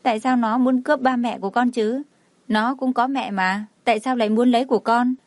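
A woman's voice: a little high, steady tone, a little fast, a little mellow, no room sound, lightly acted. A woman reading the lines of a tearful, jealous little girl in an audiobook, in a sobbing, aggrieved, pleading way.

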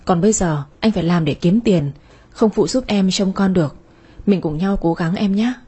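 A woman voicing a devoted, hardworking young husband who speaks gently and reassuringly in an audio story. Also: medium pitch, moderate pace, husky. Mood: soothing.

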